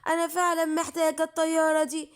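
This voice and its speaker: A woman's voice: very high voice, completely flat delivery, fast. A woman with an Egyptian accent voicing a weary, ailing old witch in a children's bedtime cartoon, pleading and tired. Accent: Egyptian Arabic.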